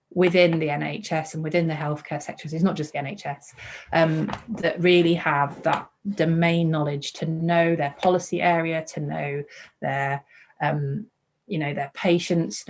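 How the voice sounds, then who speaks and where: A woman's voice: low voice, slight background noise. A woman speaking over a video call, answering questions in an earnest way and repeating herself to stress her points. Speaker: conference speaker.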